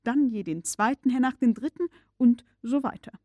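A woman voicing a gruff, obsessive old male professor in an audiobook, speaking in a stern, commanding way that breaks into angry shouts. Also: on the high side, moderate pace, no echo, highs cut off, natural voice. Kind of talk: audiobook character reading.

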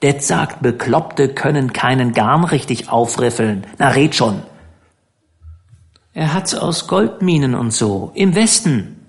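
Guy doing a blunt curious teen boy, fast and chatty, high voice. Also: sing-song, gravelly. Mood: eager. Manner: quick, eager, colloquial. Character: cheeky teenage fisher boy, curious, blunt.

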